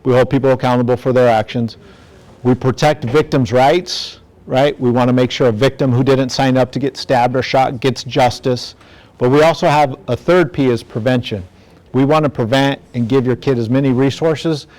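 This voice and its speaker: A middle-aged law enforcement speaker from National City in the San Diego area gives parents an informal, direct community talk. His mid-range voice is steady, darkish, and at a normal speed, and he speaks plainly while acting out imagined dialogue.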